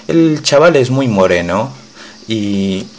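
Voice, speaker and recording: Low-voiced man narrating a reaction. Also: animated, slow pace, darkish tone, slight background noise. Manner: joking, narrates what he sees, voices the characters' lines. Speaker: podcast host reacting to anime. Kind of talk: live reaction commentary.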